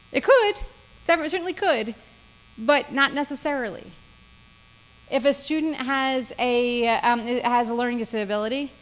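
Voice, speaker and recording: A woman's voice: fairly high pitch, low-quality recording. A woman lawyer giving a seminar lecture, with frequent "okay?" check-ins and dry sarcasm. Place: seminar room.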